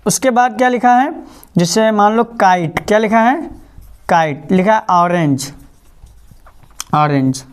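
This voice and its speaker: A male teacher giving a grammar lesson, asking quick questions and repeating the answers, slowing words down to show how they are said. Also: sits high, smooth. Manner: stretches out words slowly to model pronunciation.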